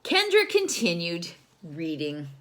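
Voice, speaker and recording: Reading a children's story aloud like a teacher, a woman stops now and then to ask her young audience questions and explain things. Her voice sits fairly low, with enormous swings in pitch and a bright, forceful tone.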